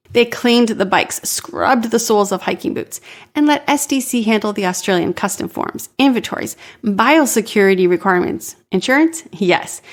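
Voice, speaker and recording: A woman narrating a scripted story for a moving-company ad, calm and gentle with unhurried phrasing. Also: medium pitch.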